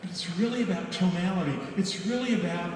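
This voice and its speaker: A man speaks as a real estate trainer addressing a seminar crowd, asking rhetorical questions and leaning hard on key words. His voice sits a little high. The recording catches him from a distance, with a long echo ringing through a large hall. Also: brisk. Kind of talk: seminar talk to an audience. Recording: echoey hall recorded from far off.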